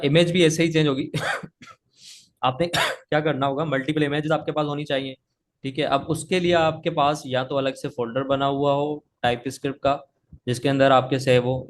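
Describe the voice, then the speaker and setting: A man's voice: medium pitch, steady tone, moderate pace, a little hiss or hum. A man teaching coding live over a video call, with a sore throat that makes him cough, often checking in with "theek hai". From Pakistan. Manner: talks while typing, frequent "theek hai" checks. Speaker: coding instructor.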